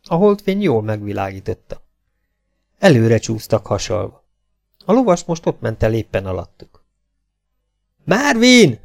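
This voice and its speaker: A man reading a novel aloud as audiobook narration, in an expressive, dramatic way. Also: lowish voice, gravelly, pauses often. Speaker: audiobook reader.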